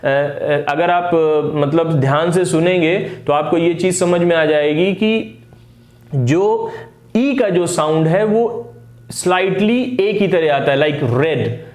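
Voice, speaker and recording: A man explains English phonics rules in a patient teaching tone, pausing often with "uh" fillers. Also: sits high, darkish tone, echoey room. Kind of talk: explaining lesson.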